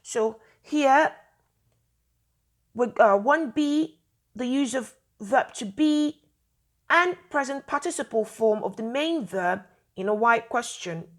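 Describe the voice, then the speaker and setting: A woman's voice: on the high side, expressive, slow pace. A woman teacher giving a recorded grammar lesson, patiently repeating key points with many fillers.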